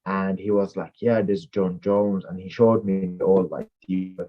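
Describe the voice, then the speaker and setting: Young man, low voice, lo-fi call. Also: steady tone, measured pace. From Finland. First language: Finnish. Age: 20s. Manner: rambling, filler-heavy with many "like"s. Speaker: MMA fighter guest. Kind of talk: casual interview answers.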